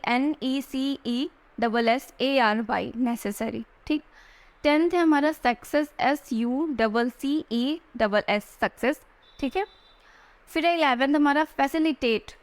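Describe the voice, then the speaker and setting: Woman teacher, high voice, coaching exam spelling with frequent check-ins. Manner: spells words out letter by letter, slowly. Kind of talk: exam-prep spelling lesson.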